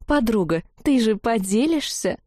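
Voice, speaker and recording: A woman's voice: fairly high pitch, lively intonation, a little slow, warm tone, no echo, clean studio sound. A woman doing a swooning honey-haired witch. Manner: swooning, breathless.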